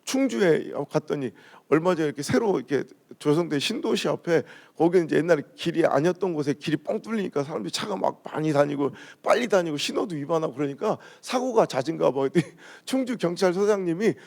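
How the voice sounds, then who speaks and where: A man's voice: a little high, a little fast, vocal fry. A man from Chungcheong preaching at a dawn revival service, telling humorous stories and mimicking the way people talk. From Chungcheong, Korea. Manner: storytelling, mimics regional dialogue, lively jokes. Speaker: pastor. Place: church sanctuary.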